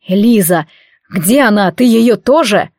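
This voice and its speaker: A woman voicing a brave male uncle, a wounded soldier, who shouts urgently. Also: medium pitch, expressive, unhurried, no echo, clean studio sound. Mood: outraged.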